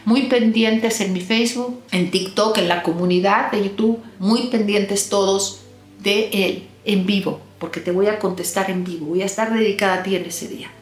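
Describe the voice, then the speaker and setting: Emphatic woman coach, echoey room. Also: steady tone. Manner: emphatic, preachy, quick swings in pitch. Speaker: self-help coach. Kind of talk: motivational talk to viewers.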